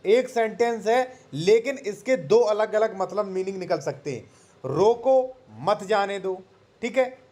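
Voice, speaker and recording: A man hosting a legal advice channel, explaining a court order in a conversational way, reading figures from the document and often pausing to check in with listeners. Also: sits high, a little mellow. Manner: conversational, repeats "theek hai" to check in with listeners; explains slowly, reads figures from a document and restates them. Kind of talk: casual explainer to camera.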